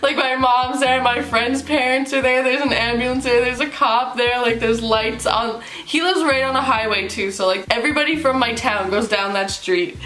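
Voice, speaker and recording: Young female vlogger, slightly high voice, laughs through a chatty storytime, echoey room with faint music. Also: normal speed, hardly any pauses. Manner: giggly, laughs through the story, heavy use of "like"; acts out other people's lines in animated voices. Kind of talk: casual storytime while getting ready.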